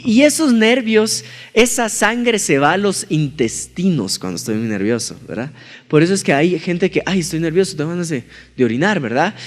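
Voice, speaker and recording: Male pastor, high-pitched, lively storytelling sermon, long hall reverb. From Colombia. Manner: animated storyteller acting out scenes. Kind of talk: sermon with humorous personal story.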